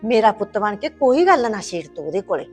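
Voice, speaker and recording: An actress playing a bossy, sharp-tongued middle-aged mother-in-law in a short film drama, talking in a scolding, two-faced way. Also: mid-range voice, big pitch swings, brisk, soft background music, close to an everyday voice. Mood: pleading, plaintive.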